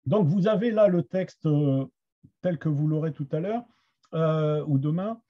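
Husky man with a Somme Picard accent. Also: fairly high pitch, a little slow. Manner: hesitant, many restarts and fillers. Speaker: Picard literature teacher. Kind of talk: online master class lecture. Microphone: computer mic on a video call. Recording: dull lo-fi video call audio.

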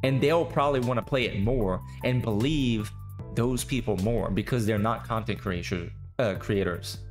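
Hungover dude hosting a podcast, slurry, swears a lot, keeps restarting sentences, faint music under it. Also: male voice, medium pitch, moderate pace. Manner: rambling, profane, restarts often. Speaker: podcast host. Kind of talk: casual chat.

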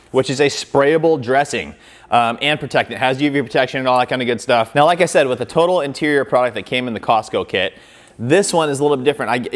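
A man in his thirties hosting a car detailing channel, talking casually through a product comparison with lots of fillers, recorded in a garage workshop on a lapel mic. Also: medium pitch. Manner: conversational, filler-heavy, demonstrative with hands.

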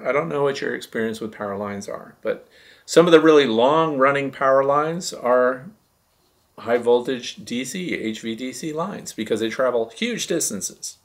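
Rambling middle-aged man explaining. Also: medium pitch. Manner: rambling, explains with hand gestures, laughs at himself. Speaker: beekeeping channel host. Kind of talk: casual explanatory talk.

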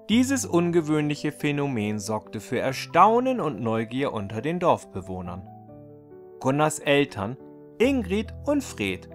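This is a man telling a fairy tale from a script, his storybook delivery expressive and unhurried in a deliberate way. His voice is on the higher side.

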